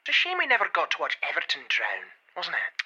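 A man's voice: on the high side, huge pitch swings, fast, sharp tone, husky, dull audio, exaggerated voice. An actor playing a sweary, blunt, teasing football man in a comedy audio drama. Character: foul-mouthed, mocking northern football man.

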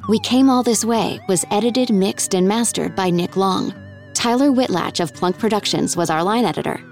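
Woman announcer over faint guitar music. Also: medium pitch. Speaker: podcast announcer reading end credits. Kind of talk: scripted announcement. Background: soft plucked-string music.

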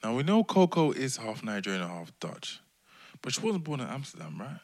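A man hosting a podcast, introducing guests with lively, effusive, slangy remarks. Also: medium pitch, a little fast, creaky. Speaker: podcast host.

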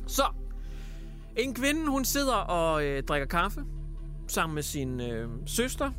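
A man hosting a casual radio show, telling stories in an animated way and acting out quotes with lots of fillers. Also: on the high side. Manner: animated storyteller, acts out quotes, many fillers. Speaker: radio host. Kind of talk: casual chat, retelling news stories.

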